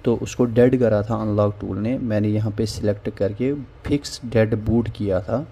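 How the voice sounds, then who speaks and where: Narrating a screen recording of phone repair software, this host has a lowish, gravelly, mellow voice with fairly even intonation and normal speed. A little hiss or hum can be heard. His tone is informal, and he repeats "theek hai" between steps.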